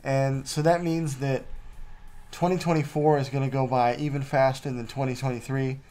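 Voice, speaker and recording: A man's voice: medium pitch, level tone, moderate pace, dark tone. A man recorded too close to the mic, hosting a casual vlog voice-over in a rambling, jokey way. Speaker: vlog host.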